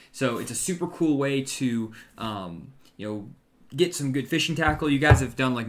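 Young guy hosting a live stream on a video call, upbeat sales pitch, lots of ums and likes. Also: a bit bright. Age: young adult. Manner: enthusiastic promotional pitch with fillers. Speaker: host. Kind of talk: casual live-stream chat. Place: home room.

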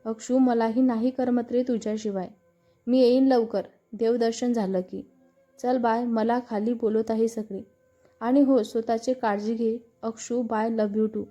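Soft pleading girlfriend, read by a woman, warm mellow tone, slightly higher pitch. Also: steady tone, a little slow. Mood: affectionate. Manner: soft, coaxing. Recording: dull lo-fi narration with faint music.

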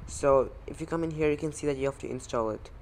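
A man's voice: a little high, fast talker, darkish tone, slight background noise. A man hosting a coding tutorial, walking through code step by step with occasional fillers over a screen recording.

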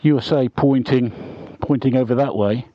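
A man's voice: mid-range voice, fairly even intonation, moderate pace, dry recording, muffled recording. A man chatting casually as he vlogs from a motorbike, recorded on a mic inside his helmet. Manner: chatty, conversational. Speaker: motovlogger. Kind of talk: casual vlog commentary while riding. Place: outdoors on a motorbike on country roads. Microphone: wireless mic inside a helmet. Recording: band-limited helmet mic, loud wind and engine noise. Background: wind and motorbike noise.

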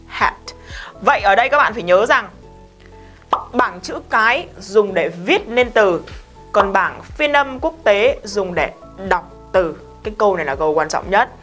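A woman's voice: medium pitch, a bit bright. Chatty woman teaching English. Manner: chatty, emphatic, talks straight to students with questions. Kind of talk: casual spoken lesson.

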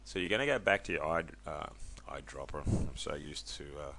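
A man casually walking viewers through a software tutorial, chatty and loose, with many ums and self-corrections. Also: rumbling low, fairly quick, slight background noise. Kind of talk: casual screen-recorded tutorial.

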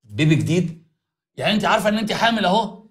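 Gullible groom, confused and lively, voice jumps around, talks real fast. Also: male voice, high-pitched. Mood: confrontational. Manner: bewildered, lively, rapid. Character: gullible hapless groom, easily fooled. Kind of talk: TV comedy drama acting.

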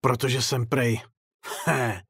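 A man voicing a menacing, theatrical male circus clown in a story read aloud, with a husky, mocking showman's sing-song. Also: medium pitch, fairly even intonation, fairly bright tone, dry recording, studio quality. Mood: bitter.

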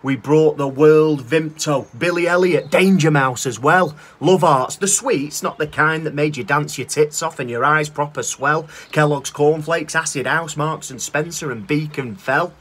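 Husky and fairly bright, this fairly high male voice keeps a measured pace with hardly any pauses. He is in his thirties, Northern English, performing his own spoken word poem in cheeky, swearing, rhythmic rhymes while filming himself on a phone at arm's length outdoors beside a brick wall.

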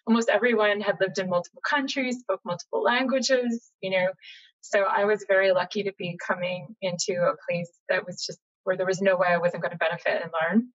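A middle-aged American woman speaks from a room at home over a slightly dull, lo-fi video call. She tells stories in a chatty, animated way, full of little fillers, with a voice of ordinary pitch for a woman. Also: a little fast. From United States, Boston area. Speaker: journalist guest. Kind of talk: casual interview conversation.

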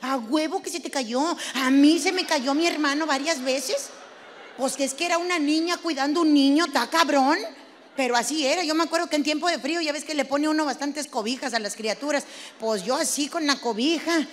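Brash high-voiced Mexican comedienne. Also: female voice, brisk. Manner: brash, crude storytelling. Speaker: stand-up comedian. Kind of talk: stand-up comedy routine. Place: stage before a live audience. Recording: live venue with long reverb, faint noise.

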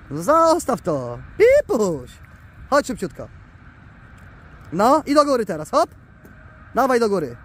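A man vlogging outdoors by the water, excitedly coaxing his pet bird and calling its name. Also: very high-pitched, husky. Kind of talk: casual outdoor vlog.

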